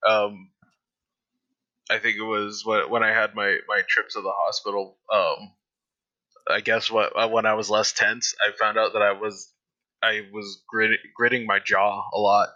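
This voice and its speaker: A young man joining a podcast as guest, speaking in a hesitant, measured way. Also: on the low side, level tone, sharp tone, lo-fi sound. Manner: hesitant, measured, many fillers. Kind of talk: casual chat.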